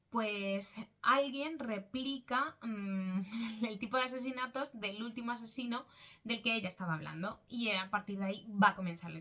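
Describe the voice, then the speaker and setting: A woman's voice: a little high, a bit bright. Woman, Spain accent, casual book vlogger, chatty, self-correcting. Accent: Spanish from Spain.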